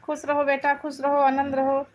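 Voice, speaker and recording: A woman's voice: high-pitched, monotone, moderate pace, a little mellow. A woman hosting a live stream, reading viewers' comments aloud and greeting and thanking each one by turn. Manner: friendly, repeats greetings and thanks. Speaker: livestream host.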